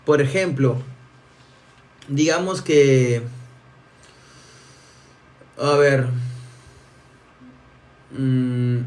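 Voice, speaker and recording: A man's voice: a little high, far from the mic. A man coaching on a live stream, talking energetically and restarting words often. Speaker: NLP coach. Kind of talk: live stream teaching, answering viewer comments.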